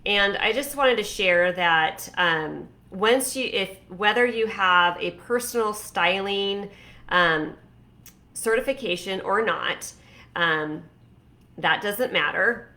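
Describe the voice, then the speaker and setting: A woman's voice: medium pitch, slow pace, pushed and bright. A woman in her forties, a fashion stylist and coach, talking casually and encouragingly to viewers with many fillers and restarts. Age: 40s. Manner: chatty, rambling, encouraging. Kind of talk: casual talk to camera.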